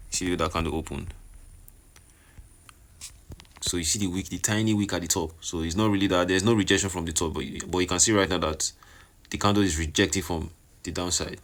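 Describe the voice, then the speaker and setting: A man's voice: low voice, fairly bright tone. A man giving casual trading commentary, repeating his phrases and checking that the listener follows. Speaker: trading vlogger. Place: on location, partly in a noisy hospital. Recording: noisy background, uneven level.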